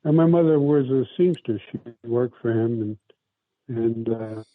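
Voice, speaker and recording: Speaking from South Brooklyn, New York, this interview guest tells his life story casually, rambling and halting, often restarting and using fillers. He has a mid-range voice, and the recording is dry and tinny, phone-like, with no room sound.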